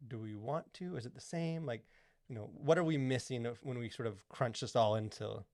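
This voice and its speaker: Here a podcast co-host speaks at a normal pace in a slightly mellow, mid-range voice, captured cleanly in the studio with no room sound. His chat about culture and faith is loose and meandering, full of "like" and "you know."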